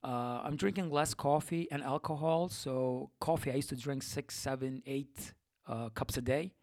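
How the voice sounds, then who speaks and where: A man's voice: mid-range voice, moderate pace, darkish tone, dry recording. A man hosting a solo podcast, talking casually and reflectively, with lots of fillers and self-corrections. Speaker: podcast host.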